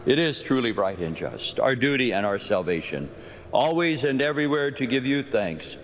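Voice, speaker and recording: A male priest at Mass, intoning prayers in a slow, measured cadence. His voice sits at an ordinary middle pitch. Each phrase rings out with a cathedral echo, trailing into the long reverb of a large stone interior. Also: sing-song. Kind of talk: solemn liturgical prayer.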